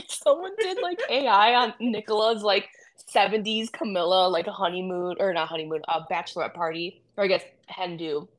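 A woman's voice: mid-range voice, normal speed, rough recording. A woman co-hosting a podcast, chatting casually with lots of fillers and giggles, rambling a little. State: high. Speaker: podcast co-host. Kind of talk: casual chat.

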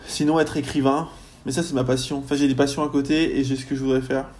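A young man, a university student, chatting casually in a podcast interview, often pausing on fillers as he thinks. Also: medium pitch, flat delivery, a little mellow. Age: young adult. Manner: chatty, lots of hesitations and fillers.

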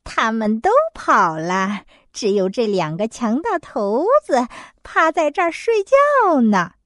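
A woman's voice: fairly high pitch, sing-song, slow, no room sound, clean studio sound. Woman playing Sun Wukong, cocky monkey king. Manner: brash, teasing, calls himself 俺老孙. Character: cocky monkey king, male, bold and teasing.

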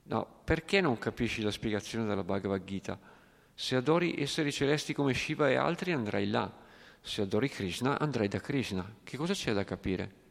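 A man's voice: mid-range voice, lively intonation, moderate pace, gravelly. A man reading the lines of a patient elderly spiritual teacher, explaining firmly, in an echoey hall. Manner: firm, explanatory.

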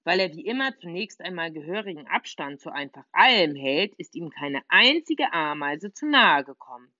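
A woman reading a children's audiobook aloud with a lively, playful manner. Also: lowish voice, normal speed, no room sound, highs cut off. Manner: lively, playful, voices characters. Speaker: audiobook narrator.

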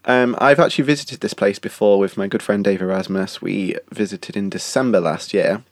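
Speaking briskly in a lowish voice, a young podcast host keeps things relaxed and chatty from inside a countryside house. Laughter slips between his phrases, and a cough lingers. There's no echo on the recording.

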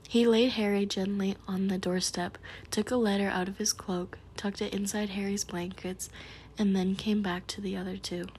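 Woman softly whispering a storybook. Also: mid-range voice, level tone, moderate pace, slight background noise. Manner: soft, hushed, gentle. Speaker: storyteller reading a book aloud.

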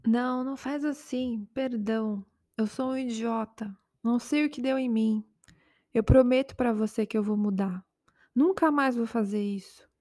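A quarrelsome, jealous young boyfriend in a spoken story, as a woman reads his lines. He snaps back defensively in a dry, close voice that sits fairly high. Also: moderate pace, warm tone, no room sound, lightly acted. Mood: pleading. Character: young man, hot-tempered jealous boyfriend.

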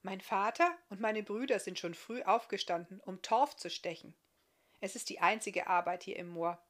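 A woman voicing a sensitive, caring teenage girl in a storybook, speaking softly. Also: medium pitch, normal speed, natural voice. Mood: friendly.

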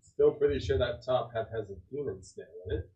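A man's voice: mid-range voice, a little fast, warm tone. A man playing a tabletop game and chatting casually, recorded dully and away from the mic. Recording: dull sound, distant from mic.

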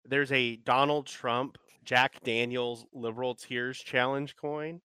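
A man's voice: medium pitch, fairly even intonation, slow pace, sharp tone, clear, resonant tone, no room sound. A man co-hosting a casual podcast chat, ranting and rambling with lots of "like" and restarts. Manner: rambling, ranting, heavy use of filler "like".

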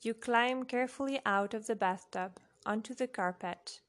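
A woman narrating a guided sleep meditation in a soft, unhurried way, with long pauses between phrases. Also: a little high.

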